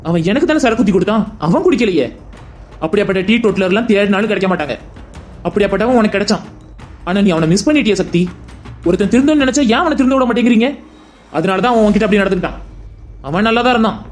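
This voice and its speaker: A stern older brother in a family cartoon, played by a man lectures his sister with one rhetorical question after another. His voice sits high for a man and the words come quickly. Faint music plays beneath him. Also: lightly acted. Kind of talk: cartoon voice acting.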